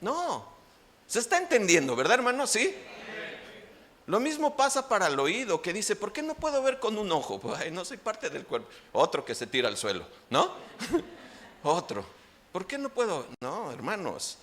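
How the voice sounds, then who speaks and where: Lively preacher, high voice. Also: male voice, moderate pace. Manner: animated, addresses the congregation with rhetorical questions. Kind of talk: sermon. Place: church.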